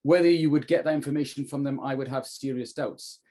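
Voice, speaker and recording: A man's voice: mid-range voice, fairly even intonation, a little fast, mellow. A middle-aged man explaining things as a trainer, in an informal lecture style with emphatic rhetorical questions. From UK, northeast England. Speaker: trainer, former police officer.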